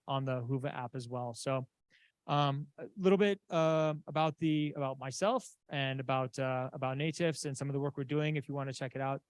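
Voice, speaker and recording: A man from Southeast Alaska giving a conference slide talk, halting with many fillers and restarts. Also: mid-range voice, smooth, no room sound. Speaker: conference presenter. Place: conference room.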